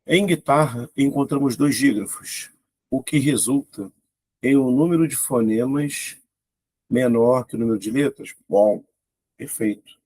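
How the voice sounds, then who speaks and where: A man's voice: medium pitch, a little slow, a little mellow, no room sound. A man teaching an exam-prep grammar lesson, talking informally and thinking aloud as he works through questions. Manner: informal, thinks aloud, exclaims at tricky items. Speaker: Portuguese teacher.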